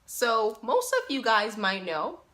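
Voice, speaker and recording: Slow-talking Jamaican woman vlogger. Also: on the high side, huge pitch swings, fairly bright tone, a little hiss or hum. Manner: chatty, repeats herself, asks viewers questions. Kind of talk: casual talk to camera.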